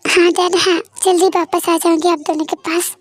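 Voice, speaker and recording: A woman's voice: extremely high pitch, little pitch movement, brisk, no echo. A woman voicing a caring, dutiful young adult daughter who soothes and pleads with her worried parents in an amateur fan audio drama. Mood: reassuring.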